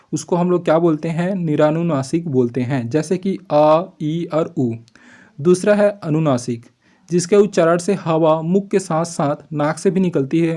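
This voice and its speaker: A man teaching an exam-prep lesson, explaining step by step, asking rhetorical questions and answering them himself, often checking in with his class and slowly drawing out vowel sounds as examples. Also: a little high, warm tone.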